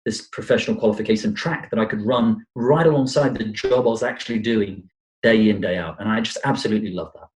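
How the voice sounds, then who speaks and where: A man's voice: fairly low pitch, fast talker, a little mellow, rough recording. A middle-aged man from Brazil, a financial planner interviewed as a podcast guest, talking in a self-deprecating, rambling way with many restarts. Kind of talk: conversational interview.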